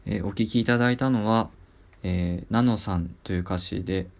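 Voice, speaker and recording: A man's voice: fairly low pitch, moderate pace, creaky, soft background music. Polite, hesitant man hosting a talk show. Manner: polite, hesitant with many fillers. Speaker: podcast host. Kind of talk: casual radio talk.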